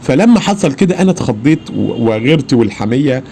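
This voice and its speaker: A man with an Egyptian Arabic accent, telling an eyewitness story in an animated, emphatic way. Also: medium pitch, quick pace, slight background noise. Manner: animated, emphatic, acts out his own shouts. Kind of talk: casual personal storytelling.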